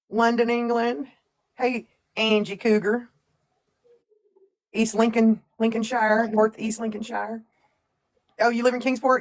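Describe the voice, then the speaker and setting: A woman, chatting casually as a livestream co-host and reading out where viewers are from. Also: fairly high pitch. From Tennessee, USA. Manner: chatty, reads out viewer comments.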